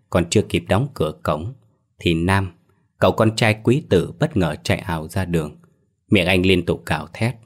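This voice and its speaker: Very deep-voiced male ghost story narrator. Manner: steady, somber storytelling.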